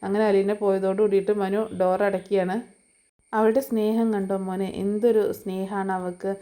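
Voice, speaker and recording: A woman's voice: medium pitch, little pitch movement, normal speed, mellow. A woman casually retelling a TV serial episode in a chatty, conversational way, with frequent fillers. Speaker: TV serial recap narrator.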